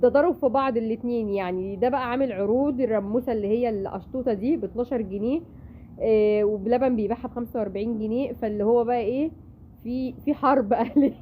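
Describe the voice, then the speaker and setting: A woman's voice: on the high side, quick pace. A woman with an Egyptian accent chatting in a cooking vlog, confiding and acting out little dialogues. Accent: Egyptian Arabic. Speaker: vlogger. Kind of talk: casual cooking vlog chat. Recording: tinny phone-like sound, faint noise.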